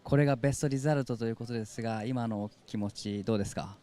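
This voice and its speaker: A man's voice: mid-range voice, very fast, dark tone. A man doing live post-competition interviews and interpreting at a surfing contest. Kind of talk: live sports interview, switching between two languages.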